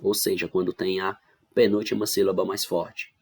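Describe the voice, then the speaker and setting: Man, low voice, teacher, online review lesson, step-by-step explaining, checks in with students. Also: level tone, normal speed, a little mellow, breathy edge. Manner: explains step by step, repeats key points, checks in with "ok?" and "certo?".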